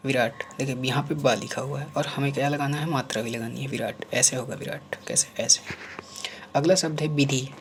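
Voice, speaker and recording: A man with a medium-pitched, fairly even voice teaches a spelling lesson for an exam against a noisy background, speaking at normal speed. He repeats each word several times and poses questions he then answers himself. While writing on screen, he sometimes drops to a murmur.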